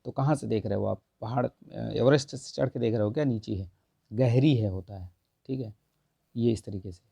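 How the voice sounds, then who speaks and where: A man with a hoarse, strained throat teaching a Hindi grammar lesson for an exam, going through test answers and repeating "okay" often. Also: medium pitch, normal speed, dark tone, dry recording. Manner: repeats "theek hai" constantly, corrects answers with mild humor.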